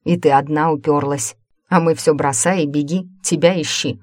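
Female narrator as impatient scolding brother, low register, grumbling, dry audiobook sound. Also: steady tone, normal speed, darkish tone, dry recording. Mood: scolding, exasperated. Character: irritated, impatient brother scolding his runaway sister.

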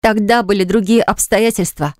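A woman voicing a frightened young woman who talks in a shrill, pleading way, pitched well above her own voice. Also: moderate pace, darkish tone, no room sound, clean studio sound, lightly acted.

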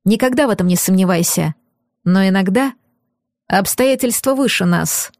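A woman's voice: mid-range voice, moderate pace, darkish tone, dry recording, clean studio sound, voice pushed down, lightly acted. A woman reading an audiobook and voicing a stern, torn young aristocratic man with firm, clipped, bitter delivery. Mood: tender. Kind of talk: audiobook character voice.

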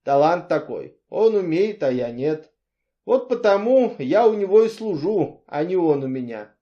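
A man's voice: on the high side, animated, unhurried, lo-fi sound. A man voicing a harried middle-aged man who mutters and coaxes in an audiobook. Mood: exasperated. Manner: muttering, exasperated, coaxing.

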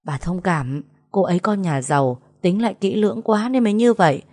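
A woman's voice: lowish voice, a little fast, warm tone, natural voice. A woman voicing a humble, polite housemaid who speaks deferentially. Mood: soothing. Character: humble middle-aged female housemaid, polite and soothing.

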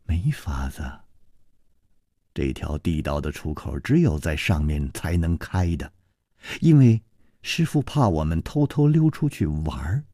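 A man puts on a subdued young disciple who murmurs low and sometimes drops to a whisper. The voice is husky and recorded dry. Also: very animated, unhurried, mellow, no echo, exaggerated voice.

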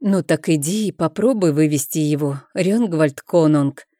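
A woman's voice: deep voice, normal speed, dark tone, no echo, clean studio sound. A woman voicing an anxious mother, a queen, speaking firmly and impatiently. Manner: firm, impatient. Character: anxious mother, a queen, firm with the quarrelling men.

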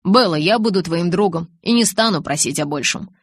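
A woman's voice: fairly low pitch, expressive, brisk, husky, dry recording, clean studio sound. A woman voicing a wounded young man in an audiobook, reading his lines earnestly and emphatically. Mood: coaxing. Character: young man, wounded, hurt but teasing friend.

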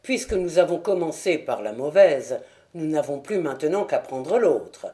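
A woman voicing a calm, shrewd male detective in a French audiobook. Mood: grave. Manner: measured and low.

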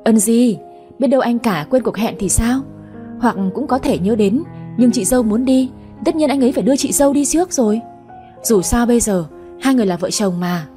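A woman's voice: a little high, expressive, a little fast, warm tone, soft background music, natural voice. A woman voicing a sly, scheming young woman who talks in a sweet, coaxing way.

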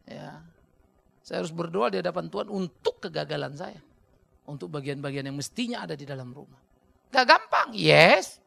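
A middle-aged male pastor, preaching a sermon in an animated storytelling manner with slangy asides. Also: on the high side, a little fast, gravelly, breathy edge, dry recording.

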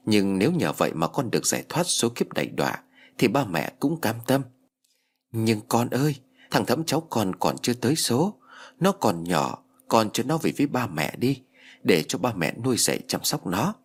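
Male reader as a sorrowful grandmother, tearful pleading, husky voice. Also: lowish voice, very animated, normal speed. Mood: grieving.

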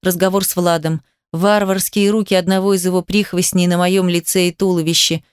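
A woman's voice: on the low side, little pitch movement, fairly quick, clean tone, dry recording. Woman narrator, audiobook, emotive, dramatic, dry close sound. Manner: emotive, dramatic first-person reading.

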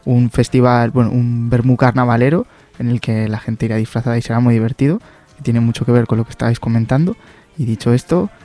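A man co-hosting a radio show, chatting in a relaxed way while announcing an event. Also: medium pitch, brisk, faint music behind. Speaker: radio co-host.

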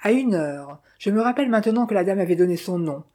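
A woman's voice: mid-range voice, animated, fast, darkish tone, close to an everyday voice. A woman voicing a timid young male hotel porter who answers hesitantly, in a storybook reading.

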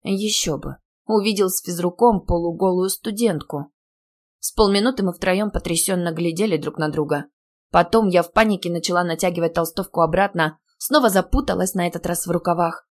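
Female narrator, lowish voice, lively expressive storytelling for a romance audiobook. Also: a little fast. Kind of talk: first-person audiobook narration.

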